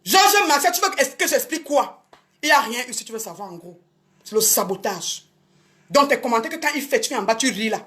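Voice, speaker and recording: A woman's voice: on the high side, lively intonation, brisk, fairly bright tone. A woman promoter speaking on a Facebook live, indignantly repeating herself and addressing her critics directly. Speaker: show business promoter.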